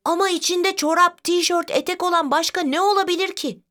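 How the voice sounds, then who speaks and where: A small, excitable boy from a children's storybook, high and eager, blurting out answers, played by a woman reading aloud. His voice jumps up in pitch whenever he gets excited. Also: normal speed. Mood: pleading. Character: excited little boy, eager younger brother.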